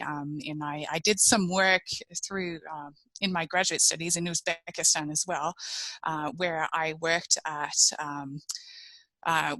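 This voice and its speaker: A woman's voice: sits low, bright, forceful tone, no echo, rough recording. A woman from Quebec, an agronomy researcher, answering interview questions from her home office with lots of hesitations and restarts. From Quebec, Canada. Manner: hesitant, many fillers and restarts.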